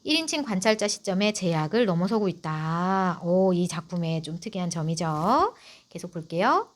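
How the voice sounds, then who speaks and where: A woman's voice: fairly low pitch, very animated, moderate pace. A woman teaching literature in an online exam-prep lecture, explaining the text, asking her students questions and talking to them directly. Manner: talks directly to students, chatty.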